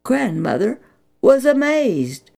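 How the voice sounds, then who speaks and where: A woman narrating a children's Bible story, reading slowly and with expression. Her voice rises and falls a great deal and has a strongly gravelly, creaky texture. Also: high voice, very animated, dark tone.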